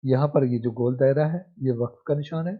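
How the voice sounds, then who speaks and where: A man teaching a Quran reading lesson, spelling out syllables one by one and then blending them. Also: medium pitch. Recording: muffled, lo-fi recording.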